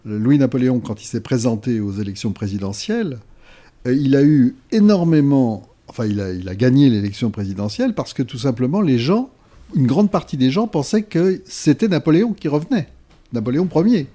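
Mellow-voiced man, hesitant. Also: mid-range voice, animated, brisk. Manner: hesitant, interjecting, insistent. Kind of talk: political discussion.

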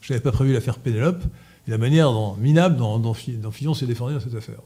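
A man giving a political lecture to an audience, halting with frequent filler sounds and restarts, and repeating his points emphatically. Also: mid-range voice, warm tone, breathy edge. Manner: emphatic, insistent repetition. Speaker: lecturer at an association meeting.

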